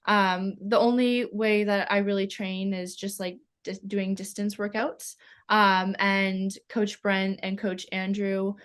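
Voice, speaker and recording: A woman's voice: mid-range voice, flat delivery, takes it slowly, smooth. Teen girl from canada chatting about her training, lots of um and like, laughs easy. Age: teens. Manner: chatty, many ums and likes, laughs often. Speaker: swimmer interviewee. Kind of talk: casual interview answers.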